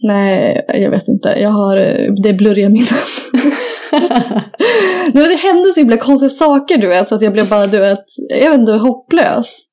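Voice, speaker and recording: A woman's voice: medium pitch, expressive, dark tone. A young woman in casual chat, telling a rambling story full of fillers and casual swearing. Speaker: podcast co-host.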